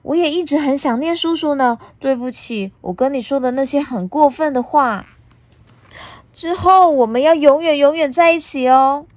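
A woman voicing a small, lonely young dinosaur girl in a storybook reading, in a very high, childlike voice. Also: moderate pace, no echo, lightly acted. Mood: affectionate.

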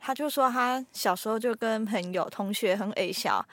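A young woman, a podcast host casually telling ghost stories with lively suspense. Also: a little high, moderate pace, no room sound. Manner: lively storyteller, builds suspense.

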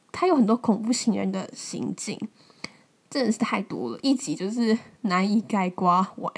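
A woman's voice: mid-range voice, breathy edge. A young woman in her twenties from Taiwan, hosting a podcast and telling a personal story in a loose, conversational way, full of fillers and restarts. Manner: conversational, many fillers and restarts, rises when retelling angry lines. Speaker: podcast host. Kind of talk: casual storytelling monologue.

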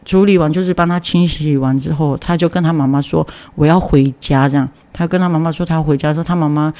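A man tells a community story in a casual, chatty way. His voice sits a little high, he keeps reaching for fillers, and he briefly voices the people he quotes. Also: steady tone, quick pace, darkish tone, smooth. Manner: leans on fillers, acts out quoted dialogue. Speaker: community member sharing a story.

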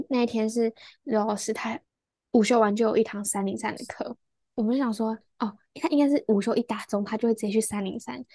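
A young woman, a student, chatting casually on a podcast and telling a story with quick laughs, acting out the lines people said. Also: fairly high pitch, dark tone, no room sound. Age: young adult.

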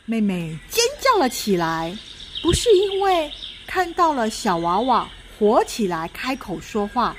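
Expressive woman reading a children's story. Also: fairly high pitch, measured pace, background noise. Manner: expressive, dramatic read-aloud.

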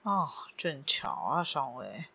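A woman voicing a calm, courteous male banker who speaks softly and lower than her usual voice. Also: slow, vocal fry, slightly rough, exaggerated voice. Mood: polite calm. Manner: soft, courteous, unruffled. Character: calm, polite middle-aged male banker.

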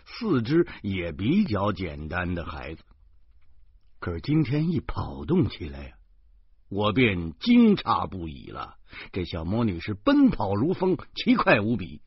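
A man reading a first-person novel aloud, animated and slow. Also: lowish voice, husky, no room sound. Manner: animated storyteller, slow and drawn out. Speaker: audiobook narrator. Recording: dull dry lo-fi recording.

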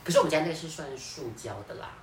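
A woman's voice: low-pitched, racing. A young woman, telling a story in casual podcast chat with lots of laughter. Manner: animated storytelling, laughs often. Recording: echoey room, distant mic, background noise.

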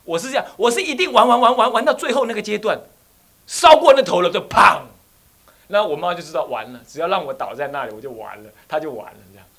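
A man in his thirties, a Buddhist abbot, giving a dharma talk full of animated personal stories and phrases. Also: sits high, fast. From Taiwan. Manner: animated storytelling, slips into Taiwanese phrases.

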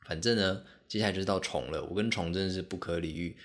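Podcast host, male, very low voice, animated and self-mocking solo storyteller. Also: fast.

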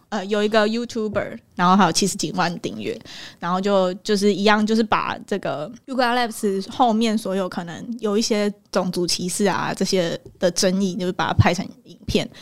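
A woman with a Taiwanese Mandarin accent co-hosting a podcast, explaining at length in casual chat with many fillers and restarts. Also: medium pitch. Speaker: podcast co-host.

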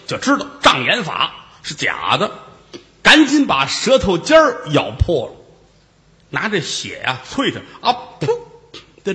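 A male storyteller, his voice climbing and dropping with huge swings in pitch. His tone is bright and forceful, and he keeps breaking off for jokey asides. A long reverb hangs on every phrase. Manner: lively, jokey asides to the listeners. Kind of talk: traditional comic storytelling.

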